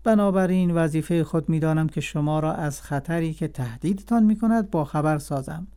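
Brief: scheming vizier, read by a man, sly and flattering, soft mellow tone. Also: on the high side, natural voice. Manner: smooth, cunning, flattering. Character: jealous scheming male vizier.

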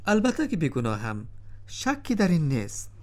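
A man's voice: on the high side, huge pitch swings, a little mellow. A man voicing a clever, composed slave pleading his case before a king in a told story. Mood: calm, reasoning. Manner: composed, cool-headed pleading. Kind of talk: storybook drama reading.

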